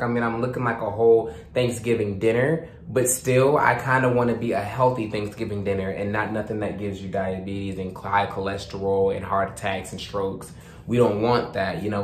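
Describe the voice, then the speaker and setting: A young man in his twenties chatting casually and expressively, walking viewers through a demonstration like a vlogger. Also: on the low side. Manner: playful, expressive, exclaiming. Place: small home bathroom, indoors. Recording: roomy bathroom echo, faint noise.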